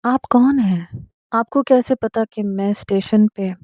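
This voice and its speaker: A woman voicing a guarded young man who answers in flat, clipped replies. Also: medium pitch, takes it slowly, no echo, clean studio sound, close to an everyday voice. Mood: curt.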